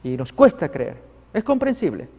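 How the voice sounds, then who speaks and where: Male preacher, sermon, vivid emphatic storyteller, fairly high gravelly voice. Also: huge pitch swings, normal speed, mellow, big-room sound. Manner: emphatic, vivid storytelling, addresses listeners as friends.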